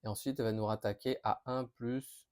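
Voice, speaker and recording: A man's voice: medium pitch, fairly even intonation, brisk, darkish tone. Man thinking aloud over cards. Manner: thinking aloud, reading cards with many fillers and restarts. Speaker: board game youtuber. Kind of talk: casual card preview commentary.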